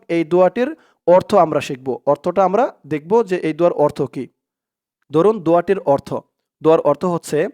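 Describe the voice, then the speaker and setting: A man teaching recitation of a short prayer, spelling it out letter by letter, explaining rules quickly and then reciting slowly and drawn out. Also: fairly high pitch, darkish tone. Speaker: Arabic and Quran recitation teacher.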